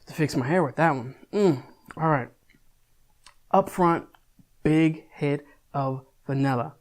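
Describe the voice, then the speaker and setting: A man's voice: on the high side, slow. A young adult man giving a casual, chatty beer review, talking loosely with frequent restarts and casual swearing.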